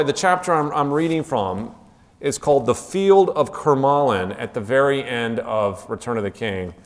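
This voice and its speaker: A man's voice: mid-range voice, long reverb tail. A male teacher giving an enthusiastic classroom lecture, with frequent restarts and asides. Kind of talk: classroom lecture with read-aloud passages.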